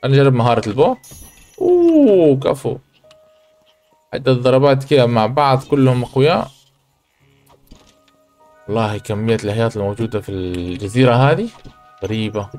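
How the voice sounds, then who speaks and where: Gaming host, male, mid-pitched, chatty let's-play commentary with excited outbursts, faint game music underneath. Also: fast, long pauses.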